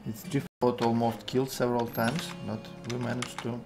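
Young man, Russian accent, halting game streamer commentary, creaky voice, music and typing behind. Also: mid-range voice, level tone. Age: 20s. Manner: halting, thinking aloud in short fragments. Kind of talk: casual live game commentary in English. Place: indoor room at a computer. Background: music, keyboard typing.

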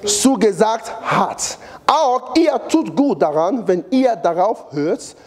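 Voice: medium pitch, a little mellow. A preacher giving a sermon in a church, repeating phrases for emphasis and asking the congregation to fill in missing words. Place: church hall.

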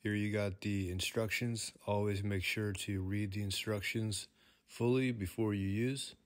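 A man's voice: fairly low pitch, fairly even intonation, unhurried, no echo. A man, a plumber, talking through a product review in an easygoing, plain-spoken way.

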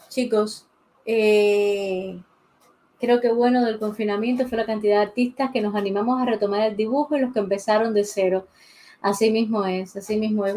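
A woman's voice: a little high, darkish tone, rough recording. A woman chatting casually while she draws during a live drawing tutorial, thinking aloud and greeting viewers by name, on a desk mic. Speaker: drawing teacher streaming live. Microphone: desk mic beside the pencil sharpener.

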